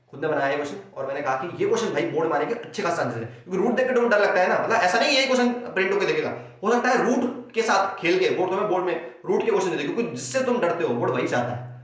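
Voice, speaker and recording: A young man with an Indian Hindi accent teaching a fast exam-prep maths lesson, repeating himself and playing out his students' questions before answering them. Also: a little high. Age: young adult. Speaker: maths tutor. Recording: very echoey, dull lo-fi room sound.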